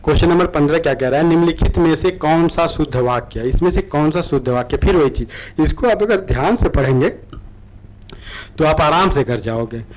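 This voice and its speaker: A man teaching an online exam-prep lesson. He reads the options aloud slowly, then explains them, often checking in with a quick "okay". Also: fairly high pitch, slight background noise, low-quality recording. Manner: repetitive, checks in with "ठीक है" often.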